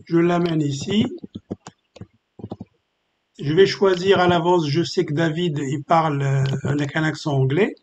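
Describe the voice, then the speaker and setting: A man presenting a screen-recorded software tutorial, explaining step by step with frequent filler pauses. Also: fairly high pitch, steady tone, highs cut off, a little hiss or hum. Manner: hesitant, many filler pauses.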